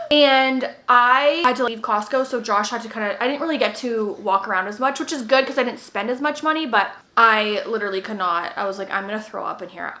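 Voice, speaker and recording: A woman's voice: fairly high pitch, sharp tone. A pregnant young woman vlogging from her playroom at home, telling a story in a chatty way and acting out what people said. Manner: chatty storytelling, laughs often, acts out quotes. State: heavily pregnant. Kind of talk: casual chat to camera.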